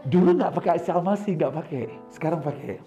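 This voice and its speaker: A man preaching, telling his own story with lively swings between loud bursts and soft asides. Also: fairly high pitch, brisk, roomy sound, soft background music. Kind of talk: sermon with personal testimony.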